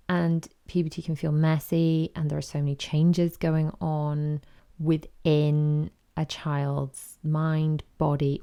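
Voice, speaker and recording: Low, gravelly woman host. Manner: chatty, animated retelling with quoted voices. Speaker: podcast host. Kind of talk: casual chat.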